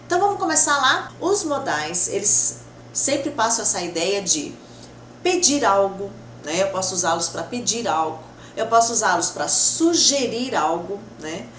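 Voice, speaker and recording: A woman's voice: medium pitch, very animated, normal speed, fairly bright tone. A woman teaching English grammar with patience and checking in with her students often. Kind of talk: explaining grammar to the camera. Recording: echoey room with faint background noise.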